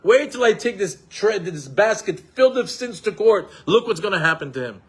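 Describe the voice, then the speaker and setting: Animated and emphatic, a man teaches a Torah class, quoting Hebrew texts before explaining them in English. His slightly rough voice is somewhat high for a man and moves at a moderate pace. He is from Israel but grew up in New York.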